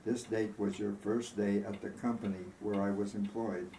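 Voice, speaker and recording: A man's voice: fairly low pitch, little pitch movement, moderate pace, dark tone, close to an everyday voice. A man reading the part of a tender, grieving woman who recalls her lost love, earnest and reflective, in a storybook reading. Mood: tender, wistful. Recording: roomy echo, faint background noise.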